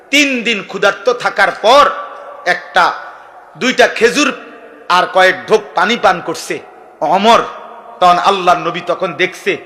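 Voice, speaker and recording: Fervent high-pitched Bangladeshi preacher. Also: male voice. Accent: Bangladeshi Bengali. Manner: fervent, chanting repetitions, rising to loud emphatic peaks. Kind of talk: sermon.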